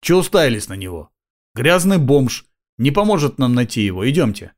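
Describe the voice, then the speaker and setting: A man's voice: mid-range voice, big pitch swings, a little fast, natural voice. A man voicing a commanding, curt older male corporate boss. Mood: impatient.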